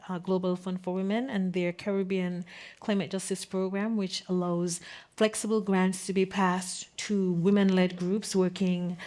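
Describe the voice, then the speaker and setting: Low-voiced woman with a Kittitian accent. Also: a little mellow. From Saint Kitts and Nevis. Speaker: government minister on a conference panel. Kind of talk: panel introduction.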